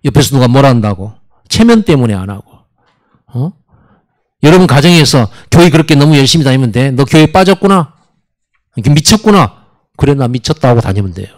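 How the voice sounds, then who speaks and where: A man preaching a Sunday sermon in a church, emphatic, with sudden swings in pitch and quoted voices acted out. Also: expressive, quick pace, darkish tone. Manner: acts out quoted voices and asides. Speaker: pastor. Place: church sanctuary.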